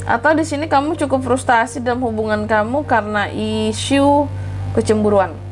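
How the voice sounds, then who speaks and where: A woman's voice: fairly high pitch, moderate pace. A woman hosting a casual tarot horoscope reading, chatty and informal, speaking directly to listeners with a congested, nasal voice from a blocked nose and flu. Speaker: tarot reading channel host. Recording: music behind the voice. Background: background music.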